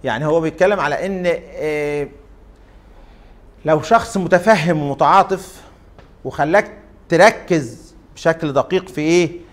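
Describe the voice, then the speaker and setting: Egyptian man lecturing in a fairly high voice. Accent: Egyptian Arabic. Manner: questioning the class, drawn-out fillers. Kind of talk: interactive lecture.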